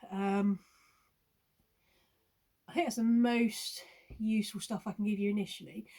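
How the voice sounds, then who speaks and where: A woman's voice: medium pitch, steady tone, measured pace, dark tone. A woman recording a casual video message of puppy advice, reassuring and rambling with many hesitations. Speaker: puppy owner giving advice.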